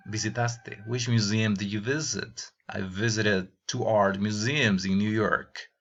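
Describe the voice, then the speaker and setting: A man's voice: lowish voice, creaky, fairly bright tone. A man teaching English grammar to teenagers, reading each example question and translating it into Spanish. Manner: addresses students as "jóvenes". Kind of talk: bilingual grammar lesson. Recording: dull lo-fi recording.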